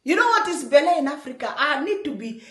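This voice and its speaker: A woman with a Nigerian accent giving animated, teasing reaction commentary and laughing often. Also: sits high, fast. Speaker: online commentator. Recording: roomy echo.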